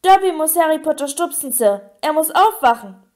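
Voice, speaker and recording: A woman voicing a small, eager male house-elf who squeaks and talks about himself in the third person. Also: animated, moderate pace, darkish tone. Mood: urgent.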